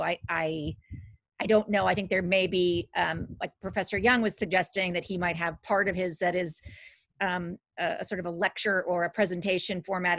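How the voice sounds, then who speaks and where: Low-voiced woman professor, dry close sound. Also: fairly bright tone, no echo. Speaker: law professor. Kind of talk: informal panel answer to students.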